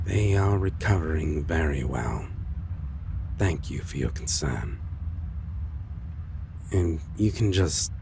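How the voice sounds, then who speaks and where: In a dark fantasy audio roleplay, a man plays a brooding vampire lord, merciful yet menacing, who speaks formally and deliberately in half-whispered phrases with a calm, courteous mood. His full character voice is a creaky bass with lively intonation, over a noisy background.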